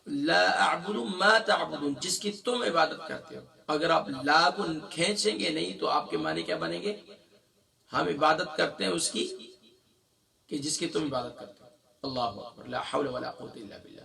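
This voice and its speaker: Hoarse man teaching Quran recitation. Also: on the high side, sharp tone, far from the mic. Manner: spells syllables slowly, then explains quickly. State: sore throat. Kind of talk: spoken lesson with slow drawn-out recitation.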